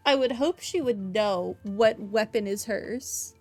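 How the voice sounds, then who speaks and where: A woman streams a game with casual, chatty commentary as she plays, her humor dry and self-deprecating. Her voice is mid-range and unhurried, and game music plays in the background.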